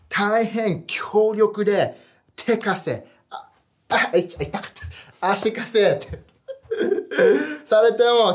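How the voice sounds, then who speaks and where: A young man preaching a casual online sermon, animated and chatty, often asking his audience questions. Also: high voice. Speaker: youth pastor.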